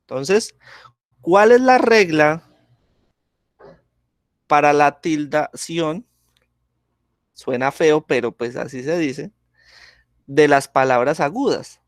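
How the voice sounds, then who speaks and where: Guy teaching class on a video call, super slow, keeps asking "¿sí?", dry close sound. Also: a little high, dry recording. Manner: slow, patient, checks in with frequent "¿sí?". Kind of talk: classroom grammar lesson.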